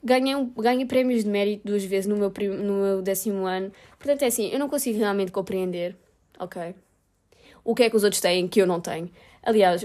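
This young adult vlogger has a European Portuguese accent and a mid-range, slightly mellow voice. She talks candidly and pokes fun at herself in a laid-back vlog, cursing without restraint.

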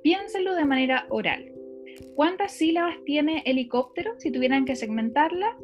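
A woman teacher lays out a concept patiently, step by step. Her voice sits high. She stops to ask her student questions. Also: lively intonation, moderate pace, muffled recording, soft background music. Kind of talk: lecture on phonology.

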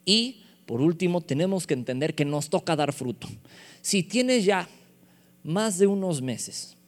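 A man's voice: high-pitched, animated, a little slow, big-room sound. A man preaching a sermon, playful and full of rhetorical questions. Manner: playful, asks rhetorical questions, mimics voices.

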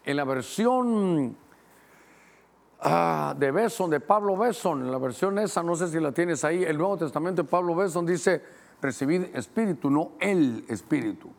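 A middle-aged man from Guatemala, a pastor preaching a Bible-study sermon who slows to read verses aloud and speeds through asides to his helpers. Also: on the high side, expressive, creaky. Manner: teaching, directing helpers to show verses on screen.

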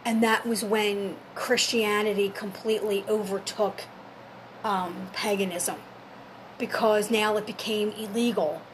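A woman's voice: medium pitch, fairly even intonation, unhurried, noisy background. A woman talking informally as a storyteller, explaining folklore and history step by step in a conversational way.

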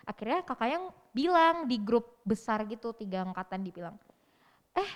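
A young woman telling a story in lively, slangy casual chat, acting out what people said. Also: fairly high pitch, fairly quick, in a large hall. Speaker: interview guest.

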